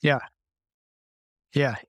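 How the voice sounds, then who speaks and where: A man's voice: very slow, dry recording, clean studio sound. A man guest in a casual podcast interview, talking loosely with lots of filler words and easy laughs.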